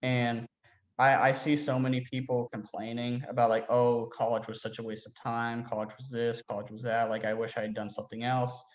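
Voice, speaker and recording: A man's voice: medium pitch, flat delivery, normal speed. A young man talking casually as an interview guest, rambling and filling his sentences with "like". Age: young adult. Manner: rambling, heavy use of "like" fillers. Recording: roomy echo.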